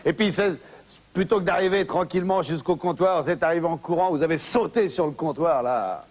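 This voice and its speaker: A comedian on a TV panel show telling a joke with a deadpan build-up of details. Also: male voice, a little high, fairly quick.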